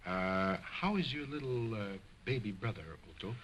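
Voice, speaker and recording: A pompous stage ventriloquist. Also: male voice, fairly low pitch, animated, moderate pace, a bit bright, slight background noise, rough recording. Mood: scolding. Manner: grandiose and self-important. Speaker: stage showman. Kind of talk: 1920s film acting.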